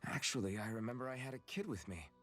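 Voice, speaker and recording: An actor playing an earnest, kind young soldier hero in a game, speaking gently and reflectively. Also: male voice, medium pitch, fast talker, faint music behind, natural voice. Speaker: game character, young male swordsman. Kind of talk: game voice acting.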